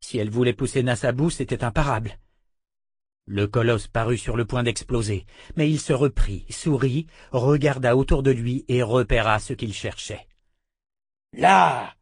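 A man narrates an audiobook in a measured, dramatic reading voice. His pitch sits in the middle range. The recording is dry and close, with no room echo. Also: husky.

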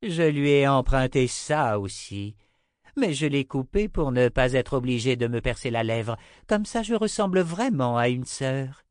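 A man's voice: medium pitch, animated, a little slow, smooth, no room sound, studio quality, voice pushed up, lightly acted. A man voicing a cold, mocking young woman warrior who gives clipped commands.

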